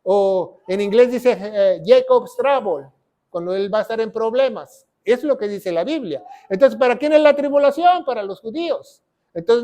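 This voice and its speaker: Male pastor, high voice, emphatic sermon teaching, rhetorical questions. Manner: emphatic preaching, rises loud on scripture quotes, rhetorical questions.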